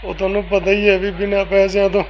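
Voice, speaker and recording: A man answering an interviewer's questions in a soft-spoken, casual way. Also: high-pitched, level tone, fast talker, slight background noise, rough recording. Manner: soft-spoken, repeats "veere" often. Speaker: interviewee, family member.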